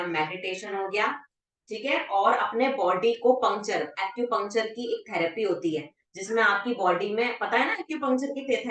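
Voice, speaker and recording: A woman's voice: medium pitch, a bit bright. A woman fitness instructor teaching a live online class over a video call, often checking in with the group and cheerfully urging participants to laugh along. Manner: coaxing, checks in with "right?".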